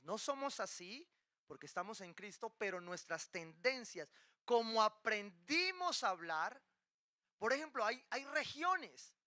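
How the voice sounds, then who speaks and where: High, bright-voiced male pastor preaching. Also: dry recording, studio quality. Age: adult, married with children. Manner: lively preaching with rhetorical questions and playful asides. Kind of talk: sermon.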